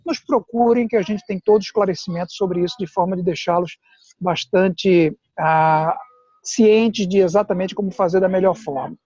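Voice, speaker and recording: Over a muffled, lo-fi video call, a guest adviser from Pernambuco, Brazil, talks things through at a steady, deliberate pace. His tone is high yet mellow, and the audio is dry and dull throughout this explanatory chat.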